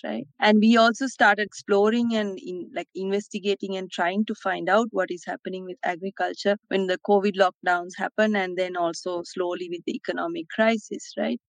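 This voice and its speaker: A Sri Lankan woman with a medium-pitched voice is a guest in a conversational interview. She explains her points thoughtfully and often checks in with "right?"; the recording is low quality, with no echo.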